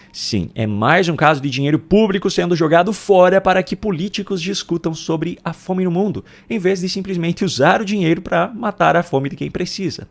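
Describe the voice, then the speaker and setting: Higher-pitched Brazilian man, political commentary. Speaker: political commentator and video host.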